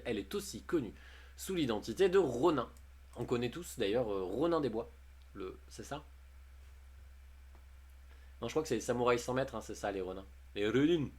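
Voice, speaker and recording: A man's voice: mid-range voice, slightly rough. A man chatting casually on a livestream, reading posts aloud and commenting on them with jokes and frequent laughs. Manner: chatty, jokey, often laughing. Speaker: streamer.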